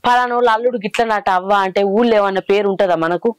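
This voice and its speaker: A woman's voice: medium pitch, very fast, clear, resonant tone, dry recording, natural voice. A middle-aged woman playing a stern village mother who scolds her son-in-law. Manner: scolding, indignant. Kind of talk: village short film acting.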